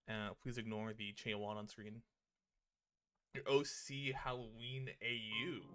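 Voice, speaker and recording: Reading a visual novel's text aloud on a livestream, this man chats casually and occasionally swears while game music plays behind him. His voice is lowish, level, and measured, with a fairly bright, clear, resonant tone.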